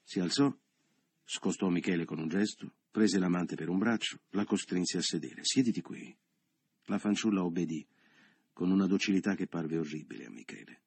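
A man narrating a novel as an audiobook in a measured, literary way. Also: low voice, a little mellow, husky, no room sound.

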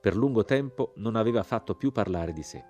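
A man reading a literary novel aloud as an audiobook, in a measured, steady way. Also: lowish voice, faint music behind. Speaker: audiobook narrator. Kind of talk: scripted literary narration.

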